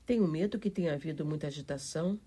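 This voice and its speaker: A woman's voice: sits low, quick pace, warm tone, husky. A woman voicing a cautious, worried male doctor who speaks in a concerned, admonishing way in a storybook reading.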